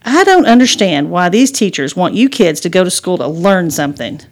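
A woman's voice: fairly low pitch, sing-song, normal speed. A woman voicing a teasing mother in a read-aloud story, with dry, sarcastic humor. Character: wry, teasing mother driving her daughter.

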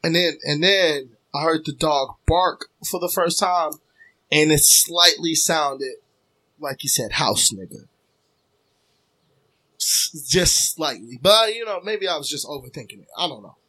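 A man's voice: on the high side, a little slow. A man co-hosting a podcast in casual chat, telling a story animatedly and acting out the voices in it. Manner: animated, acts out voices in his stories. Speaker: podcast co-host.

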